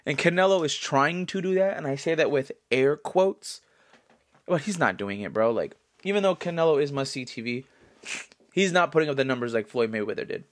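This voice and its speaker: Animated, congested young man. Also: a little high, fairly quick. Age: 20s. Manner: animated, rambling with lots of fillers. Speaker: podcast host. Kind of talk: casual solo commentary.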